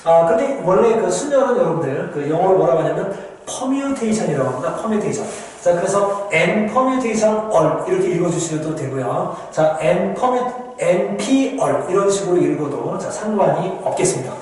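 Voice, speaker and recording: A man's voice: high-pitched, sing-song, normal speed, a little mellow, a little hiss or hum. Male math teacher in an echoey room. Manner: explains patiently, keeps saying "ja" and addressing students; asks questions and answers them himself. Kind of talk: recorded math lecture. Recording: echoey room with long reverb.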